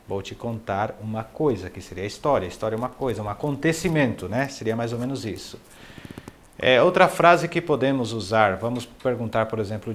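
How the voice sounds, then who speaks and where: A man hosting a casual online language lesson, in a mid-range voice. He says each phrase slowly and carefully and repeats it, then explains it in fast, friendly asides. He talks straight to his viewers. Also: mid-range voice. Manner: friendly, addresses viewers directly. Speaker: language teacher.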